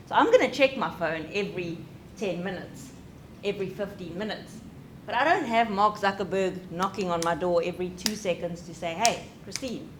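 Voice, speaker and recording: A young adult woman giving a talk on parenting. She speaks in a lively, conversational way and often checks in with the audience. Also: fairly low pitch, a little hiss or hum. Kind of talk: lecture.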